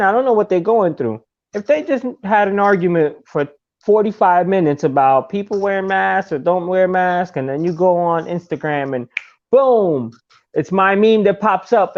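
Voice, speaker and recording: A man talking casually as a podcast guest, animated, jumping into high voices to act out his own thoughts. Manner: animated, acts out his own inner voice in high squeaky tones. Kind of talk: casual conversation. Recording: dull lo-fi audio.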